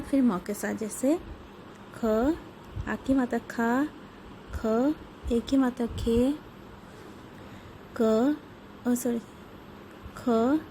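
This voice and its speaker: A woman's voice: on the high side, darkish tone, a little hiss or hum, poor audio. A woman teacher giving a lesson to young pupils, patiently repeating words and sounds for them. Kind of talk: online class lesson for children.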